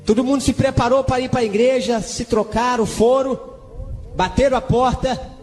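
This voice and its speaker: A man preaching a testimony in church, telling his story fervently, with sudden shouted exclamations and bursts of tongues between sentences. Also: very high voice, steady tone, normal speed. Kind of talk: sermon testimony. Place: church hall. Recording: echoey church hall with music behind.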